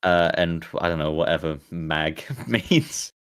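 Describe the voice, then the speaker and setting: A man with a low voice hosting a live stream, rambling casually and laughing easily. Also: slow pace, clear, resonant tone. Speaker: streamer host. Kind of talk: casual chat.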